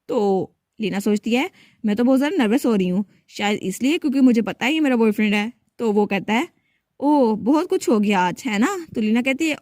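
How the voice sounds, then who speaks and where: A woman with a fairly high voice narrates a comic story to a close microphone. The sound is dry, with no room around it. She speaks each character's lines in her own voice and barely changes it. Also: a little mellow, no echo. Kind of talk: retelling a comic story with quoted dialogue.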